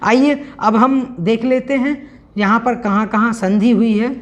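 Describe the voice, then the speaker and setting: Woman, scripture teacher, patient explanations, slow chanting, slightly high voice. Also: steady tone. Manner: patient and explanatory, slowly chanting verses and drilling pronunciation. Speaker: teacher of a religious scripture class. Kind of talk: recorded online lesson, explaining verses.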